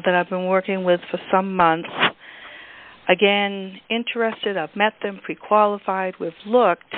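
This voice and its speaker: Woman agent sharing on a call, hesitant, fillers, tinny phone sound. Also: medium pitch. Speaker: real estate agent.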